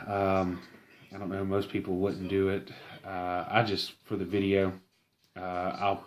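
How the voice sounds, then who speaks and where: Low-voiced man rambling through a review. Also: darkish tone. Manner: rambling, halting, many fillers; enthusiastic. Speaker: product reviewer. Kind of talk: casual product review.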